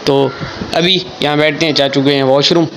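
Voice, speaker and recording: A young man narrating a casual daily vlog, chatty and excitable, filming on a handheld phone outdoors at night. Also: fairly high pitch, normal speed. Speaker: vlogger. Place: outdoors on city streets at night. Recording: noisy street background.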